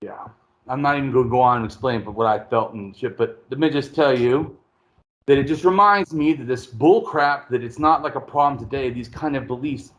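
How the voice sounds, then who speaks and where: A man hosting a casual conversation, explaining at length in a rambling, animated way and swearing freely. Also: mid-range voice, moderate pace. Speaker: podcast host.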